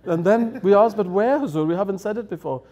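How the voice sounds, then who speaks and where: A middle-aged man, a native English speaker, sits at a table on a studio set with dark curtains, chatting through anecdotes as the elder guest, laughing and acting out quoted lines. His voice is high and he talks fast, with a slightly mellow quality and a faint hiss or hum underneath.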